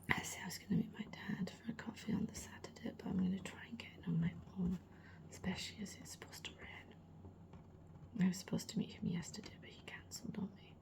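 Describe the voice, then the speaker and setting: Brief: middle-aged woman, whispered role-play, low-pitched, fry in the voice, a little hoarse. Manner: soft rambling whispered chat. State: slightly losing her voice. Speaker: ASMR creator.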